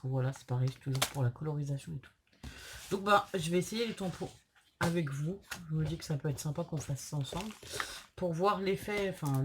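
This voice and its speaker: A woman's voice: low voice, darkish tone, slight background noise. A woman talking with a sore throat from tonsillitis, chatting hesitantly and apologetically through a casual unboxing vlog. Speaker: craft channel host.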